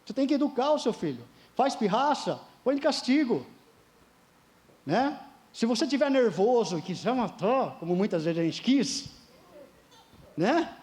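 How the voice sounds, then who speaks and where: A man's voice: very high-pitched, very animated, measured pace, long pauses, a little mellow. A middle-aged Brazilian man preaching a sermon at a church service, emphatic, often calling his listeners dear ones. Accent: Brazilian Portuguese. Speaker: pastor.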